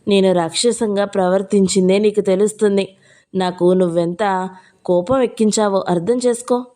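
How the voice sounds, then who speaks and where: A woman's voice: mid-range voice, steady tone, moderate pace, close to an everyday voice. Woman reading a stern commanding young husband. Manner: forceful, commanding.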